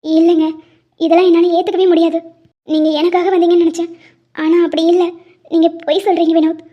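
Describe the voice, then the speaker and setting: A woman voicing a young wife in an animated drama, hurt and pleading with quiet bitterness. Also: extremely high pitch, quick pace. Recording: dull lo-fi sound.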